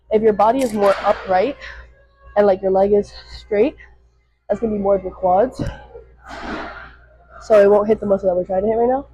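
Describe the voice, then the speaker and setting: Her voice is mid-range and warm with a breathy edge. A woman fitness vlogger, she talks through exercises in a casual, chatty, rambling way, self-deprecating as she works out, on a worn microphone that leaves the audio dull and slightly muffled.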